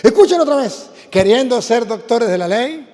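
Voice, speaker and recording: Priest, forceful repetitive preaching, high voice in a reverberant church. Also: male voice, lively intonation, normal speed, slight background noise. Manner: emphatic, repeats lines for the congregation. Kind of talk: sermon.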